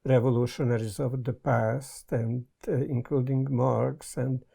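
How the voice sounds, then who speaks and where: An older Hungarian-accented man speaks slowly and thoughtfully, pausing often between words. His voice is dark and gravelly. He sits in a book-lined study, picked up cleanly on a lapel mic. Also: mid-range voice, little pitch movement. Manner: thoughtful, halting, with many pauses and fillers. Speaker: guest. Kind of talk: casual conversation. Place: study lined with bookshelves, indoors.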